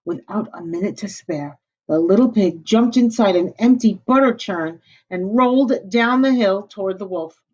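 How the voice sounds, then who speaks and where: Speaking at a normal pace with hardly any pauses, this medium-pitched woman is a middle-aged teacher reading a storybook to kids. She warmly stops to define words for them, and the lo-fi audio sounds slightly dull.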